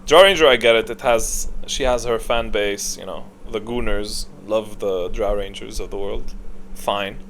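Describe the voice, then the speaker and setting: Offering casual, unscripted gaming commentary for his videos, he's blunt, opinionated and slangy. The voice sits on the low side and is fairly bright, at a measured pace, with noticeable background noise.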